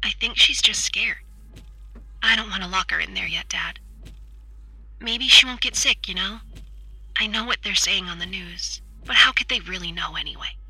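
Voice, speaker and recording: A woman's voice: medium pitch, husky, exaggerated voice. A woman playing a frightened teenage daughter on the phone. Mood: worried. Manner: hushed, anxious, halting. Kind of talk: audio drama acting.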